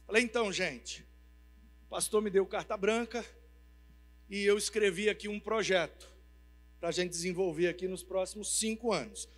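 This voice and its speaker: A man preaching a sermon, telling humorous stories in a lively, colloquial way. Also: sits high, normal speed, pauses often. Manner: lively, humorous, tells anecdotes; informal, colloquial speech. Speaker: pastor. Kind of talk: storytelling sermon. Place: church.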